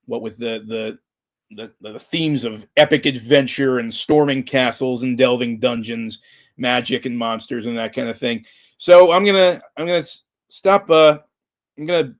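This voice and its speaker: Casual, halting male livestream host. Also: medium pitch. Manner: halting, informal, rambling. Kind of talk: casual chat to a livestream audience.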